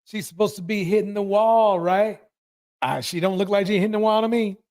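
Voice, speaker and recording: Wry high-voiced man commentator. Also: fairly quick, darkish tone. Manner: chuckling, wry asides. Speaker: commentator co-host. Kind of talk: reaction commentary.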